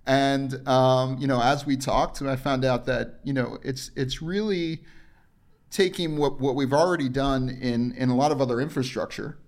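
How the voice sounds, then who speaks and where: Friendly talky host from the new york area, mid voice, lots of um and you know. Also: male voice, medium pitch, fairly even intonation, normal speed. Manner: chatty and friendly, lots of fillers. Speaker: podcast host. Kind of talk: conversational interview. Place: convention hall.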